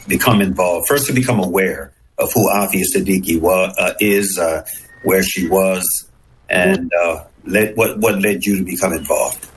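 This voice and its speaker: A man with a somewhat low voice hosts an interview. He pauses and restarts a lot, padding his questions with fillers. A faint ambient noise sits behind him. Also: rough recording. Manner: halting, heavy with uh fillers and restarts. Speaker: host. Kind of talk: interview hosting.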